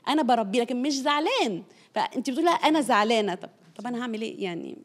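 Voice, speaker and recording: A woman's voice: fairly high pitch, lively intonation, racing. A woman with an Egyptian Arabic accent giving an earnest, explanatory parenting talk, repeating her points for emphasis. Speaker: parenting speaker. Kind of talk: conversational teaching talk.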